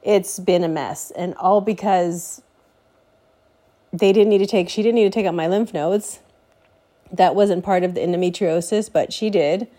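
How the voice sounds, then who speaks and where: A woman's voice: fairly low pitch, normal speed, mellow. A congested woman podcaster giving a candid, rambling personal update at home, with frequent fillers and restarts.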